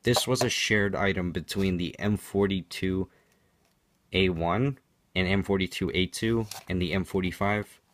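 Low-voiced man giving a product review. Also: unhurried, slight background noise. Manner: matter-of-fact, explanatory. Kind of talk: unscripted product demonstration commentary.

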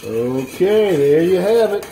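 A man with a high-sitting, warm voice hosts a home cooking show, speaking slowly with big swings in pitch as he walks viewers through each step at his kitchen stove. His manner is easygoing and folksy. The camera looks down over the stove with his hands in frame, and the echoey kitchen carries faint pan noise.

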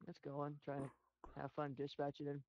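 A man's voice: a little high, completely flat delivery, moderate pace, darkish tone. Dispatcher roleplay guy, chatting casually, dull mic w/ a little noise. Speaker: player acting as police dispatcher. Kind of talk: casual chat mixed with radio dispatch roleplay. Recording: dull lo-fi voice chat, faint noise.

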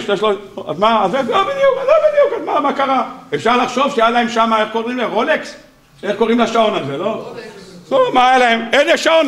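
A man giving a lively, joking weekly sermon as a rabbi, often asking his audience questions and answering them himself. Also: extremely high pitch. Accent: Israeli Hebrew. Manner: acts out quoted speakers in a raised, mocking voice. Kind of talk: lively Torah sermon to a congregation. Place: synagogue or study hall before an audience.

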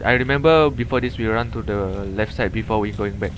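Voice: medium pitch, fairly quick. A gamer with a Malaysian accent chatting casually with a co-player, in colloquial English sprinkled with lah and Malay words. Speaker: gamer, host of gameplay video. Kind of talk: casual gameplay chat with a co-player. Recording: clear game noise behind. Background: video game ambience and sound effects.

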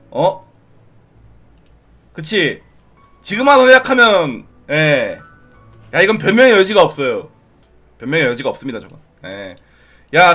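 A man streaming casual commentary on a viewer's game account, teasing, ranting in exasperation and addressing his viewers directly. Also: sits high. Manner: animated, exasperated rants with mild swearing.

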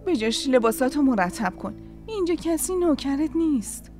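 A sharp-tongued, bossy sister-in-law in a dubbed TV drama. She talks in a high voice, mocking and sarcastic, and keeps rushing people along. Faint music plays under her. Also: sing-song. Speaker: dub actress. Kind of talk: Persian-dubbed TV drama acting.

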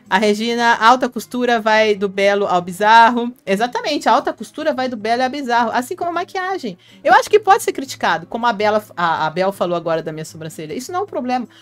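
A Brazilian woman hosting a casual live stream, reading viewer comments aloud and chatting to fans by name, laughing often. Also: on the high side. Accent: Brazilian Portuguese. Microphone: headphone mic.

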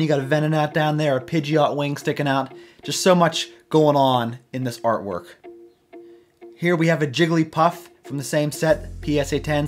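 A man in his thirties with an American accent, hosting a casual, upbeat rundown of collectible card sales from a small room at his desk. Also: medium pitch. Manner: upbeat, loose, conversational. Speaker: host.

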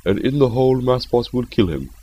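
A man putting on the voice of a scheming, gloating villain narrator, hushed and theatrical. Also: medium pitch, expressive, fairly quick, slightly rough, muffled recording, voice pushed up.

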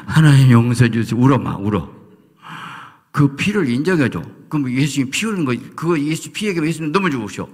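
A middle-aged male pastor preaching a sermon, swinging from loud calls to hushed near-whispers. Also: a little high, big pitch swings, fairly quick, husky. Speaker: senior pastor. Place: church sanctuary. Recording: long church hall reverb.

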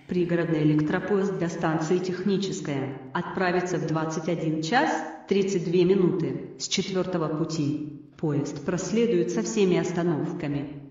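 A woman makes a formal public-address announcement, like those in a station or airport. Her voice is a little low and measured. It comes muffled and heavily echoing, from some way off. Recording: muffled, very echoey distant station loudspeaker.

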